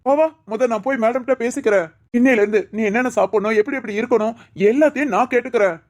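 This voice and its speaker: A woman's voice: a little high, quick pace, darkish tone, close to an everyday voice. A woman playing an anxious, doting young husband who fusses and teases in a village family drama. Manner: fussy, coaxing and teasing.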